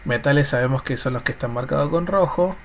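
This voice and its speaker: A man's voice: medium pitch, quick pace. Congested Rioplatense man teaching, noisy recording. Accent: Rioplatense Spanish. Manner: colloquial, jokey, voices students' questions and answers them. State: congested, snotty nose. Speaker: chemistry teacher. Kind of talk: informal recorded lesson. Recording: clear background noise. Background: noise.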